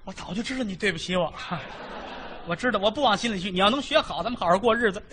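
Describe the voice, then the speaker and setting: A man's voice: high-pitched, quick pace, background noise, pitched above the performer's own voice, close to an everyday voice. A male storyteller voicing an aggrieved young wife who nags and reproaches her husband. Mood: forgiving. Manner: nagging, reproachful. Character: scolding young wife, aggrieved and sharp-tongued.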